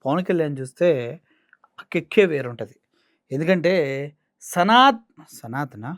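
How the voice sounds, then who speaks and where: A man's voice: on the high side, animated, normal speed, very noisy. A man with a Coastal Andhra Telugu accent giving mocking, sarcastic political commentary. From Andhra Pradesh.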